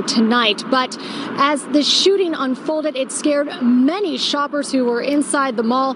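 High-voiced woman reporting live from the street. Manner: brisk, scripted delivery. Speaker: field reporter. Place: outdoors on a city street at night. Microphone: handheld mic. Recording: street noise outdoors.

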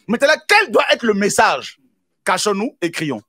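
A man preaching a sermon as pastor, with repeated exclamations and bursts of shouting. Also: high-pitched, very animated, normal speed, no room sound.

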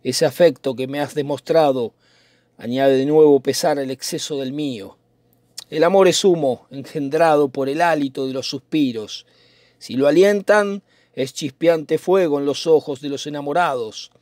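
A brooding, lovesick young nobleman speaks in poetic, declaiming lines, as a man reads the part aloud. The voice sits a little high for a man, close and dry with no room around it. The delivery is theatrical, as in a dramatic reading of a play. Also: moderate pace, darkish tone, no room sound, lightly acted.

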